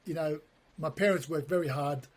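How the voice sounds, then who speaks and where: A man, a podcast guest telling stories in a lively, animated way and acting out the dialogue. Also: a little high, moderate pace. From born in Turkey, raised in Australia. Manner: animated storyteller who acts out dialogue. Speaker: guest, comedy writer. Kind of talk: casual podcast conversation.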